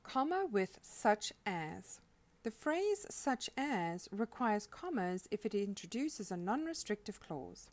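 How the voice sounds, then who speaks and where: A woman narrates a scripted grammar lesson with a lively, rising and falling voice. She reads example sentences aloud and names each punctuation mark as she goes. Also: medium pitch, slow pace. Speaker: grammar instructor.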